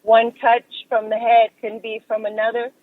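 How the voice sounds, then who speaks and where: A woman who practises massage talks in a calm, explanatory way as an interview guest, calling in on speakerphone while she drives. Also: on the high side, moderate pace, no room sound. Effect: speakerphone call from a car. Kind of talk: casual interview chat. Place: driving in a car. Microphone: phone on speaker. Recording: tinny dry phone line.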